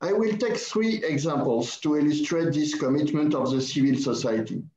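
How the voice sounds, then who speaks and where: A man from France with a French accent giving a formal, measured conference speech to an audience. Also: a little high, a little mellow, reverberant, muffled recording. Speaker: conference speaker.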